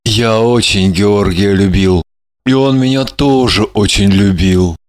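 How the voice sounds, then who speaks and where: An earnest, dignified man, as a man acts him, speaking slowly in a plain middle voice. He sounds gentle and devoted, with a dry, close sound, like a figure in a read-aloud story. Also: fairly low pitch, dry recording. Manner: earnest, measured.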